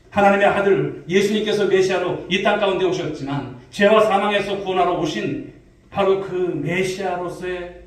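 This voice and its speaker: A man preaching a Sunday sermon as pastor, putting rhetorical questions to the congregation. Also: fairly high pitch. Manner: asks the congregation rhetorical questions, addressing them directly. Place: church sanctuary. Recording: echoey hall, distant mic, faint noise.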